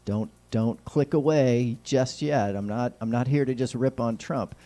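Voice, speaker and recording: An American man from Kansas City hosts a casual talk show alone, chatting about politics with light humour in a folksy, rambling, neighbourly way. His medium-pitched voice is dark in tone and unhurried, with whistling s sounds.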